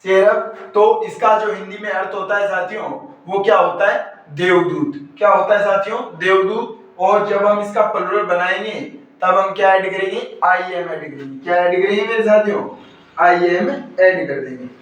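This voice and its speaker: Man teaching in a booming echoey room. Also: moderate pace, a bit bright. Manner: repetitive call-and-answer questioning. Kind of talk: exam-prep grammar lesson. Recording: very echoey room, far from mic.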